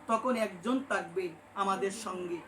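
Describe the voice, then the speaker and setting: A man's voice: high voice, a little slow, background noise. A man preaching a devotional sermon, impassioned and telling stories, often rising to emphatic peaks and calling his listeners mother. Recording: echoey room with faint ambience.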